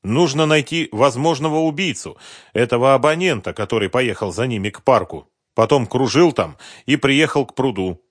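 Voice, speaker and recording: A man voicing a police investigator who speaks in a dry, measured way, holding back anger. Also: mid-range voice, lively intonation, no echo, close to an everyday voice. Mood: restrained.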